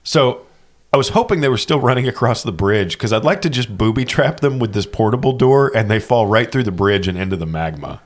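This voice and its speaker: A man at a tabletop game speaks in a hesitant, easygoing way. His voice sits in the middle range, and his pitch moves widely from line to line. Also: expressive, brisk. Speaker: player.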